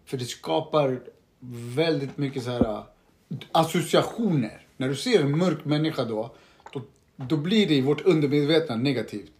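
A man's voice: a little high, expressive, darkish tone, a little hiss or hum. A young man, co-hosting a podcast in a preachy tone and often dropping English phrases into his talk. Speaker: podcast co-host. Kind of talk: casual chat.

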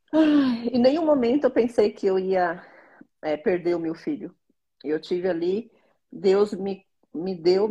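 A pregnant woman in her forties with a Brazilian Portuguese accent, chatting casually in a small bedroom and reading a psalm slowly and earnestly. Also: on the low side, warm tone, husky. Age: 40s. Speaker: vlogger.

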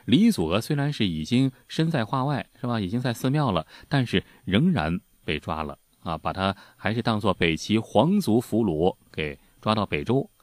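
Deep, lively male history storyteller. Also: normal speed, few pauses, no echo. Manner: folksy, chatty, lots of filler particles. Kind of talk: casual spoken history storytelling.

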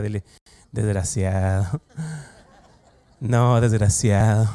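A male pastor preaches to his congregation with a gravelly, slightly rough edge to his voice. He talks in a lively, joking way and acts out the voices he quotes. His voice sits in an ordinary middle pitch. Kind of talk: humorous sermon.

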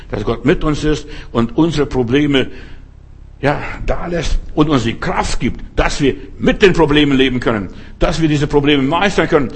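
A man's voice: medium pitch, husky. A middle-aged man preaching a sermon emphatically, repeating phrases, correcting himself mid-word and acting out quotes.

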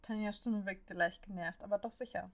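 A woman reads a story aloud as an audiobook narrator. Her pitch barely moves, keeping each line level and even from one sentence to the next. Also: normal speed.

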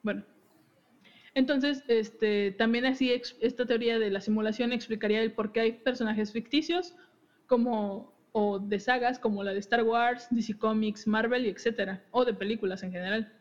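This podcast host is a young woman whose voice sits on the high side, steady in tone and at ordinary speed. Chatty and prone to giggles, she keeps cutting herself off and restarting as she casually walks through game lore, all captured in dull lo-fi sound.

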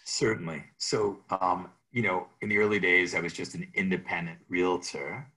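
A man who works as a real estate agent, telling rambling, animated stories about his career in an interview. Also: low voice, moderate pace. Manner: rambling, restarts, animated anecdotes. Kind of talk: storytelling in an interview.

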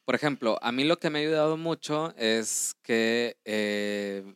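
A co-host with a Mexican accent, talking in a relaxed, opinionated, slangy way. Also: medium pitch, unhurried, clear, resonant tone, no room sound, studio quality. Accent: Mexican Spanish. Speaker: podcast co-host. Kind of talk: casual conversation.

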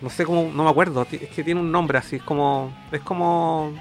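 A man's voice: a little high, steady tone, brisk, faint music behind. A man with a Chilean accent co-hosting a stream in casual chat, slangy and often groping for words with restarts. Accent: Chilean Spanish. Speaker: streamer co-host.

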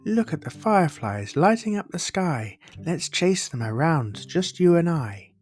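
A man's voice: a little high, big pitch swings, unhurried, a little mellow, pitched above the performer's own voice. A man voicing a playful, happy corgi in a rhyming storybook. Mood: playful, excited. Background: plucked guitar music.

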